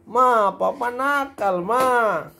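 A man's voice: very high voice, drawn-out words, creaky, sharp tone, slight background noise, pitched above the performer's own voice, full character voice. A man mimicking a whiny small child complaining to mom, drawn out and teasing.

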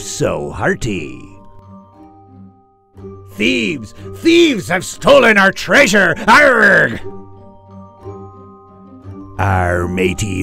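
A man voicing a gruff old pirate, like a hearty old fisherman, for a talking mirror gadget. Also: on the low side, heavily acted. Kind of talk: theatrical character voice for novelty gadget.

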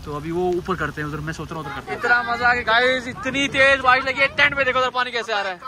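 A young man filming a casual family travel vlog on a handheld phone, excitedly talking to viewers outdoors and from a car in heavy rain. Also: very high voice, fast talker, over a noisy crowd. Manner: excitable, keeps addressing viewers as guys. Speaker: vlogger.

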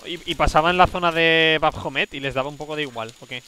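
A man's voice: a little high, fast talker, bright, forceful tone, slight background noise. A man streaming a horror game live, thinking aloud, easily startled and yelping at scares. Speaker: livestreaming gamer.

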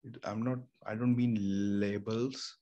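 A young man with an Indian accent walks through home recording step by step in a casual screen-share tutorial, his mid-range voice dark in tone, fairly even, and measured, with plenty of fillers and restarts. He hosts a home studio channel and records in a small home room near an air conditioner and fridge. He uses a studio microphone through an audio interface, and the muffled recording carries a faint room hum.

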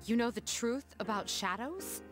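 A woman voicing a composed, formal young woman leader in a video game, speaking quietly and in control. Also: fairly high pitch, expressive, normal speed, lightly acted. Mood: serious. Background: game music.

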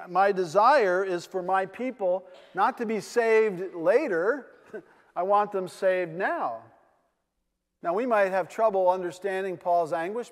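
An older man with a New England accent preaching a sermon from a pulpit in a large wood-paneled church, earnest, with rhetorical questions and frequent fillers. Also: sits high. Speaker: pastor. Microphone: pulpit mic. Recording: long church reverb.

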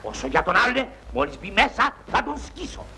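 Screechy gravelly old colonel losing it, voice jumping all over, old film hiss. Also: male voice, very high voice, sing-song, full character voice. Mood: enraged. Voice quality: gravelly, shouting threats. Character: furious older army colonel, hot-tempered father. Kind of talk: 1960s film comedy acting. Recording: noisy old film soundtrack.

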